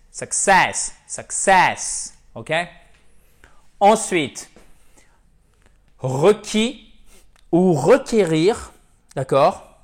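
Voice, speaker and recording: French guy teaching english sounds, slow and careful, keeps repeating words, mid pitch. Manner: slow, explanatory, repeats English words several times for drill. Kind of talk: online lesson.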